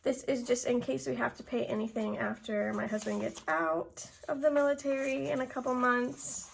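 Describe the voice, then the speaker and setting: Slightly breathless young woman, creaky voice. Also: on the high side, fairly even intonation, moderate pace, slight background noise. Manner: counts amounts aloud step by step. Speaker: budgeting video host. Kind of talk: casual narration of a hands-on task.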